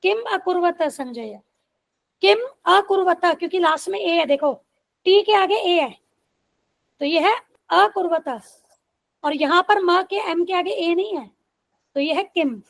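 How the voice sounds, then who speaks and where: A woman's voice: very high voice, gravelly, low-quality recording. A woman teaching a scripture reading class, patiently explaining Sanskrit pronunciation and checking in with her listeners. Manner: reads English passages slowly and deliberately.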